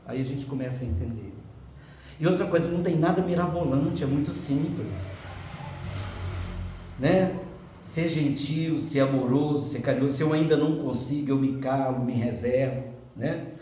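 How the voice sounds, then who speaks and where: A man's voice: medium pitch, normal speed, dark tone. A middle-aged man giving a spiritist lecture, chatty and playful, moving between earnest teaching and joking asides. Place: lecture hall. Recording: echoey hall from far off, faint background noise.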